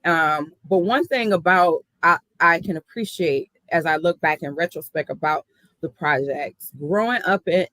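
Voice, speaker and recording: A woman's voice: deep voice, normal speed, fairly bright tone, dry recording, poor audio. A woman from the South Side of Chicago, a hip hop artist telling her story in an earnest, reflective interview.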